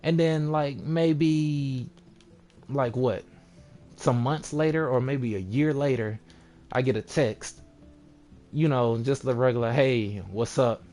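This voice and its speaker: A man's voice: mid-range voice, steady tone, slow, long pauses, warm tone, soft background music. Laid-back young man ranting casually. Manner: laid-back, rambling, sarcastic mock voices. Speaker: vlogger. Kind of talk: casual rant to camera.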